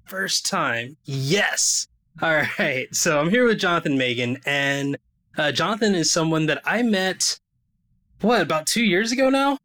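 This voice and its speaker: A man's voice: fairly high pitch, animated, pushed and bright. A young adult man hosting a podcast, chatting casually with a guest and laughing now and then. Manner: casual, laughs often, quick asides. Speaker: podcast host.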